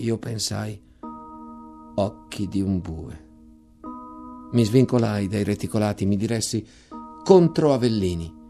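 A man reading a war memoir aloud, measured and dropping quiet in tense passages. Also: on the low side, vocal fry.

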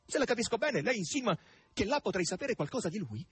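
A man voicing a husky, pleading grown woman. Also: high voice, sing-song, quick pace, a bit bright, no echo, pitched above the performer's own voice, full character voice. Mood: anxious. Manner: pleading, agitated. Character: troubled, desperate grown woman.

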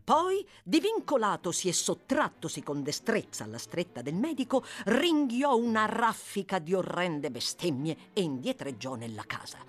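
Expressive woman reading a novel aloud. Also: lowish voice, normal speed, few pauses. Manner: expressive, lively storytelling. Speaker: audiobook reader. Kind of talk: scripted narration.

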